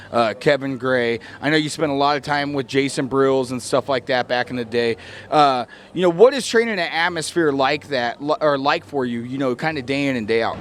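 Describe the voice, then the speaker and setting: A man's voice: mid-range voice, a bit bright, slight background noise. A man doing a casual sports interview in an informal, chummy way. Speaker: interviewer, former fighter.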